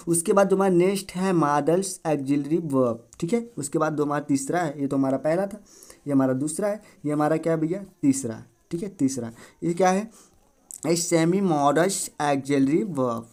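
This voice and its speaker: A man teaching a grammar lesson, asking his students questions and answering them himself, with a steady "theek hai" after almost every phrase. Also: on the high side. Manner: repetitive, asks and answers own questions, frequent "theek hai".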